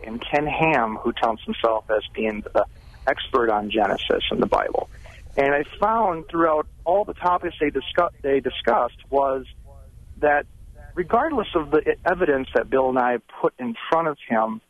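Hesitant male caller on a phone line. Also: mid-range voice. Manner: hesitant, with fillers while forming his question. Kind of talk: call-in question. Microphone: telephone.

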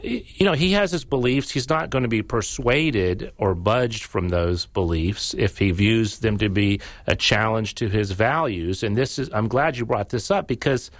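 Low-voiced man, halting radio guest. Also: lively intonation, dry recording. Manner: thoughtful, repeats words and restarts often. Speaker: guest journalist. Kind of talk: radio interview answer.

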